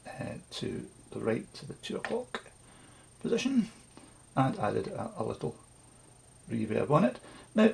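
A Scottish man with a mid-range voice and some vocal fry talks through a casual home recording tutorial. He's chatty and wry, tossing in asides and self-mocking jokes.

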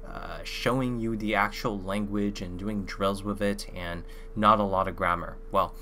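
A young French-speaking man who runs a language-learning YouTube channel reviews something casually to camera from a small indoor room, speaking into a desk mic. His slightly low voice comes across bright and forward, with a steady tone and measured pace, though he rambles and fills gaps with lots of "like" and "you know." A faint hum sits beneath the audio.

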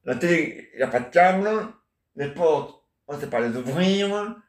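At a moderate pace, a man with a fairly high voice and lively intonation performs a rambling, improvised comic monologue as an amateur solo act. The echoey room carries his chatty asides to imagined listeners, tacked-on questions, and constant "hein?" and "ah ouais".

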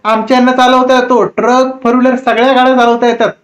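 A man doing a shrill meddling woman passenger. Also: level tone, quick pace, close to an everyday voice. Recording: roomy echo.

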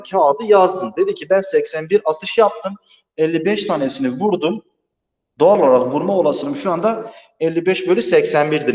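High-pitched and a little mellow, a man's voice works through a math lesson step by step in a big, empty classroom. He patiently checks in with "right, friends?" again and again, and the walls of the bare hall echo him strongly.

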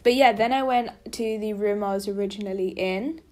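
A woman's voice: medium pitch, brisk, darkish tone. A young woman, a university student, narrating her week in a casual vlog, chatty and full of fillers. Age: young adult.

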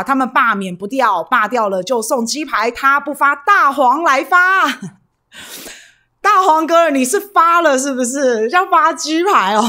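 Brief: woman, political livestream host from Taiwan, slightly high voice, chatty and rambling, thanks viewers by name. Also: sharp tone. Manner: chatty, greets viewers by name, reads donations; rambling, frequent fillers and tag questions. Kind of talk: casual political livestream chat.

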